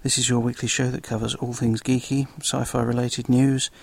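A man's voice: medium pitch, level tone, moderate pace, gravelly, breathy edge. A man with a South London accent hosting a podcast solo, chatting casually in a dry, self-deprecating way. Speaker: guest podcast host.

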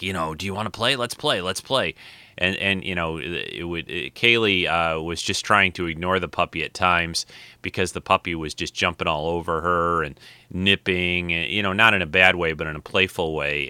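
A middle-aged American man chats casually as a podcast host. His voice is low, bright and clean, in a dry recording. He rambles, halting and doubling back on words as he goes. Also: clear, resonant tone, no echo. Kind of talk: casual solo podcast chat.

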